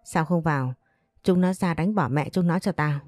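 A woman voicing a jealous young concubine who hurls abuse, with a low, dark voice. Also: moderate pace, no room sound, clean studio sound, soft background music, lightly acted. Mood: furious. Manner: scolding, abusive. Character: foul-mouthed jealous young concubine, shrill.

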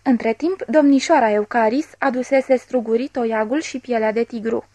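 A woman reading a classic novel aloud as an audiobook narrator, measured and expressive, voicing the dialogue. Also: on the high side, dry recording. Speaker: audiobook reader.

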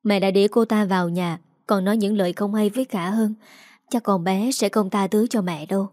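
A woman's voice: medium pitch, steady tone, normal speed, a little mellow, no room sound, clean studio sound, natural voice. A woman voicing a distraught middle-aged mother who pleads emotionally with her son. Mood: remorseful.

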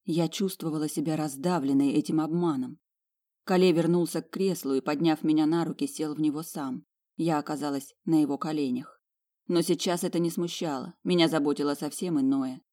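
Woman narrating a fantasy audiobook, lowish voice, dramatic reading. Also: fairly even intonation, brisk, warm tone. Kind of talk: first-person audiobook narration.

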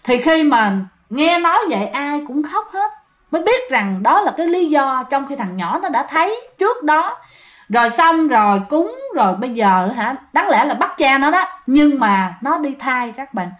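A woman's voice: high voice, big pitch swings, normal speed, a bit bright. A woman with a Southern Vietnamese accent, casually telling a ghost story as host and often speaking straight to her listeners. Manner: chatty, addresses listeners directly, many fillers.

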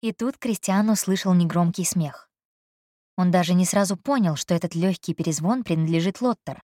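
A woman narrating an audiobook in a steady, measured reading voice. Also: on the low side, no room sound. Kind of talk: scripted narration.

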